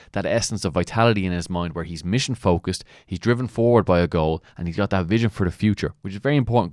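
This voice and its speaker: Male mentor, very low voice, emphatic motivational commentary, dry sound. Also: dry recording. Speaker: mentor and coach. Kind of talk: motivational commentary on a client testimonial.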